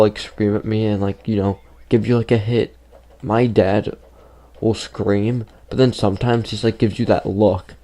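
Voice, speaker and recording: While gaming, a fifteen-year-old YouTuber tells a wandering story crammed with fillers, his voice going hoarse. He has a lowish male voice with a dark tone.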